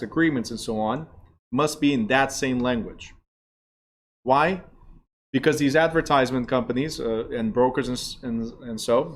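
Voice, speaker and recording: A middle-aged man who directs a real estate school lectures a live class in a fairly high, somewhat bright voice. He's casual and chatty, asking the class questions and saying "right?" a lot.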